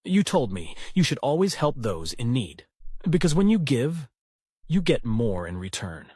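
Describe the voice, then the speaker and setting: A kind, self-made businessman in a drama. His medium-pitched voice is husky and sincere, recorded dry and close. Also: big pitch swings, measured pace, darkish tone, dry recording. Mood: heartfelt. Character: grateful, self-made real estate investor, earnest and kind. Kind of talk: scripted drama monologue.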